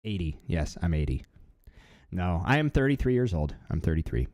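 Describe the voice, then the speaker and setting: A man in his thirties hosting a live stream, talking in a relaxed, chatty way with lots of fillers. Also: sits low, normal speed, no room sound, clean studio sound. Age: 30s. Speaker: livestream host. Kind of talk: casual live-stream chat.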